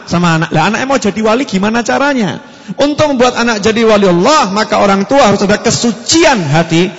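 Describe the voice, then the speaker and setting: A man preaches at an Islamic study gathering, telling stories in a lively way and acting out the voices. His voice sits fairly high and rings with a long hall echo. The recording sounds dull and muffled.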